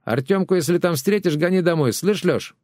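Man doing a loud brash village neighbor woman. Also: high voice, brisk, no room sound, studio quality, pitched above the performer's own voice, lightly acted. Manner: shouting, brash.

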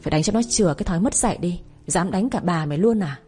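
A woman voicing a spiteful older mother-in-law who scolds, accuses and wails in a shrill voice. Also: expressive, quick pace, dark tone, soft background music, close to an everyday voice. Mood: scolding.

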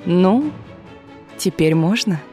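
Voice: mid-range voice, moderate pace, darkish tone, soft background music, natural voice. A reader voicing a confident, teasing young actress in an audiobook. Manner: teasing, self-assured. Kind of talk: audiobook character voice.

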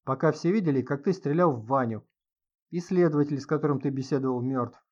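A man's voice: a little high, brisk, darkish tone, dull audio, lightly acted. A man reading an audiobook, voicing a self-assured gun collector who talks in a curt, confident way.

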